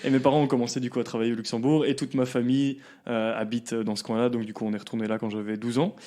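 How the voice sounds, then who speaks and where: A young founder in his twenties, talking as a podcast guest. His voice sits at a middle pitch, and his delivery is relaxed and chatty, with plenty of fillers. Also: fast talker. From southern Belgium. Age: 20s. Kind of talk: casual interview chat.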